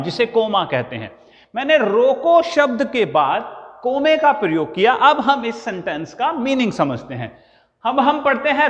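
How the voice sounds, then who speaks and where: A male teacher giving a grammar lesson to a class, dictating his points slowly, word by word. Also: very high-pitched, fairly bright tone, in a large hall, muffled recording.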